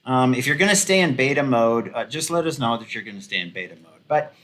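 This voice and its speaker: A man's voice: mid-range voice, animated, quick pace, a bit bright. Rambling man giving sarcastic commentary. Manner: rambling, with many ums and restarts; sarcastic, mocking. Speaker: video commentator. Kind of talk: casual commentary.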